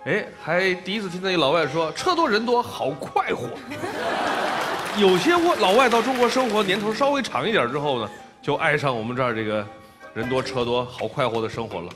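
A middle-aged man hosts a dating show from a studio stage. His voice sits fairly high and swings widely in pitch, with music heard behind him. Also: animated, fast talker, in a large hall. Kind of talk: spontaneous stage hosting. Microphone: headset.

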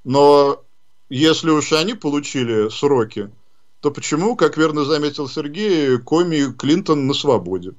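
A man hosting a call-in radio show, explaining things in a measured way with some hesitations. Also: fairly high pitch, lively intonation, dull audio. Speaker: radio host. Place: radio studio.

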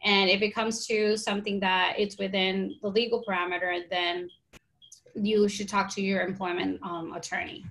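A woman's voice: mid-range voice, flat delivery, normal speed, a bit bright, low-quality recording. A woman, an HR consultant, giving practical business tips on a webinar in a conversational way. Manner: practical, conversational, many "you know"s. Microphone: video call.

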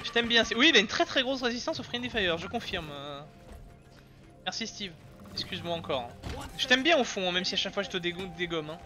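A man giving casual commentary while playing a video game, excitable, swearing and laughing when startled. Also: high-pitched, fairly quick. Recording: game music underneath.

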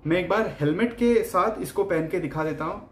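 A man's voice: sits high, normal speed. Chatty man in an echoey room. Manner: chatty, mixes English into Hindi, talks while fitting gear. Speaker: motovlogger. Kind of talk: casual how-to vlog. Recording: echoey room, faint noise.

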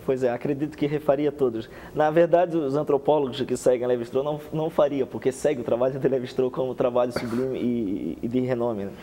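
Medium-pitched and wrapped in long reverb with a little hiss or hum, this young man's voice comes through a lapel mic in a TV studio. As a guest researcher, he explains fast and animatedly, gesturing and restarting many times.

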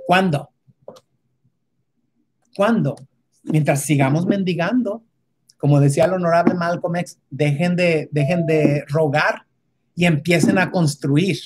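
This woman's voice is on the low side, darkish and slightly rough, at a normal speed. Her monologue is a casual, emphatic opinion piece full of restarts and hesitations, punctuated by rhetorical questions and tag questions.

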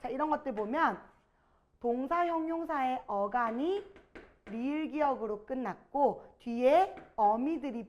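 High-voiced woman teaching grammar. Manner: drawn-out example words, quizzing students. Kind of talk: online grammar lesson.

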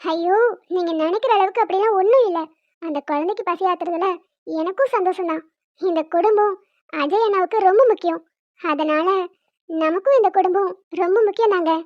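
Sharp-tongued young wife, very high and quick, voiced by a woman, dry sound. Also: dry recording, muffled recording. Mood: gentle. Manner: scolding, quick commands. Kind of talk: Tamil cartoon dubbing.

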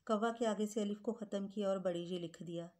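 A woman's voice: medium pitch, fairly quick, darkish tone. A woman teaching a grade-school Urdu grammar lesson, patiently spelling words out letter by letter and calling her pupils children.

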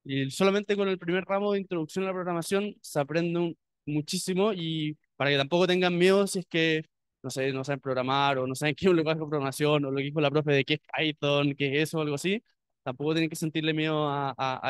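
A young Chilean man talks quickly and informally to prospective students, tripping over his words and restarting often. His voice is smooth and clear, a little higher than most men's, and sits in a dry, close sound. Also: steady tone, no echo. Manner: chatty, many restarts. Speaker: university student.

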